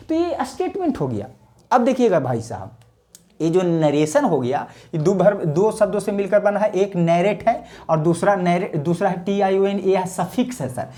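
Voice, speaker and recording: His voice is on the high side and mellow: a man with a Bihari accent teaching English grammar casually to camera. He chats, jokes, says "sir" to viewers, and asks questions before answering them himself.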